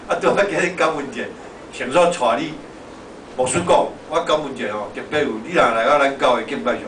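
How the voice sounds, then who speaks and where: A middle-aged or older male pastor with a Taiwanese Hokkien accent gives an informal, conversational sermon, exhorting and repeating his phrases. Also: mid-range voice. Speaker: pastor preaching. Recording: echoey hall, distant mic, noisy background.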